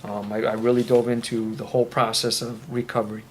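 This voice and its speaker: A man with a lowish voice answers audience questions earnestly at a faith-based recovery meeting held in a meeting room, speaking as a recovery ministry speaker. His delivery is flat and a little fast, full of rambling restarts, with slight background noise.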